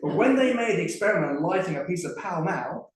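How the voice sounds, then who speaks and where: A man's voice: high voice, expressive, fast, pitched above the performer's own voice. A man reading aloud as a boastful old Cockney lamplighter, telling a story in a chatty, relishing way in an echoey room. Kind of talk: dramatic reading. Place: museum event room.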